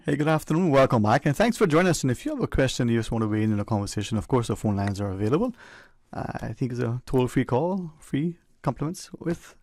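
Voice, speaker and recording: Creaky-voiced male talk radio host. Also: mid-range voice, very animated, fast, hardly any pauses, darkish tone. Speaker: radio call-in show host. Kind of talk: conversational talk radio hosting.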